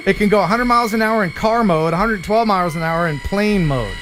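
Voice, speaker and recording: High-pitched, animated man hosting. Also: moderate pace, background noise. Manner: joking, teasing. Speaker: live stream host. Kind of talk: casual chat.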